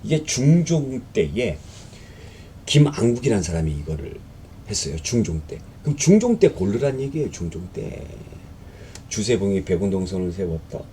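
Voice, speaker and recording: A man's voice: fairly low pitch, big pitch swings, moderate pace, warm tone, slight background noise. A man teaching a history exam-prep lecture in a conversational way, reading questions aloud and explaining them with fillers and rhetorical questions.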